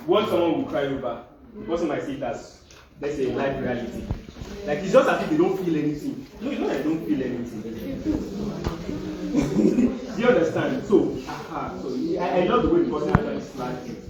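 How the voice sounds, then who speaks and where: Lively high-voiced man teaching a noisy class. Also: moderate pace, a crowd in the background. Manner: animated, keeps checking students follow with "you understand?". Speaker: facilitator leading a class session. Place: classroom with students. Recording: very echoey room, from far off, loud class noise.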